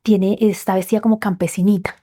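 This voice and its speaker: A woman telling a personal story as a podcast guest, heartfelt and often dropping to soft near-whispers. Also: medium pitch, flat delivery, a little fast.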